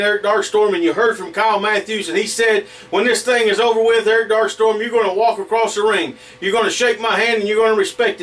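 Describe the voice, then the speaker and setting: High-voiced middle-aged male wrestling host. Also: a bit bright, distant mic, low-quality recording. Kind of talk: unscripted wrestling show commentary.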